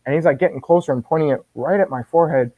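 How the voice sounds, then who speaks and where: A man guest telling a personal faith story in an animated way, often restarting and repeating words. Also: on the high side, racing, dry recording. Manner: animated, acts out his own quoted words. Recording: dull dry lo-fi sound.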